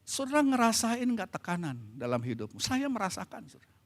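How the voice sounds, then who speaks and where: High-voiced male pastor preaching. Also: big pitch swings, a little fast. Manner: conversational preaching, swinging from soft to emphatic. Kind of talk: sermon. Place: church.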